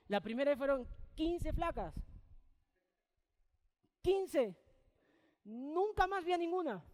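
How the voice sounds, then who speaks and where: A man's voice: extremely high pitch, big-room sound. A male pastor with a Peruvian accent telling a story in a sermon and acting out the dialogue with animation. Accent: Peruvian Spanish.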